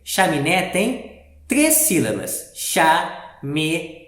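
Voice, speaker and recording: A male teacher walks young pupils through a reading lesson, patient and step by step. His pitch rises and falls in a lively way as he quizzes the class. The recording sounds roomy and echoey. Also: normal speed. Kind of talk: primary school reading lesson. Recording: roomy echo.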